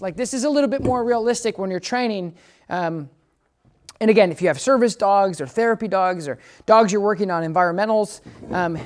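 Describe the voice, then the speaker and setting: A man working as a dog trainer, casually explaining his method to viewers and breaking into high, upbeat praise and commands for the dog. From United States. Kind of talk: instructional training demo. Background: background music.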